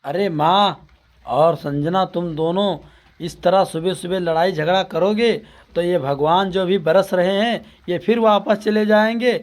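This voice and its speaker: A man's voice: sits high, a little slow, slight background noise. A man doing a hot-tempered young husband. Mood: pleading. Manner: shouting, threatening.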